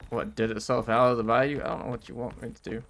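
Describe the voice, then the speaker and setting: A man's voice: medium pitch, level tone, fast, fairly bright tone, slight background noise. A man giving casual commentary as he plays a video game. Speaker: gamer playing on camera or stream.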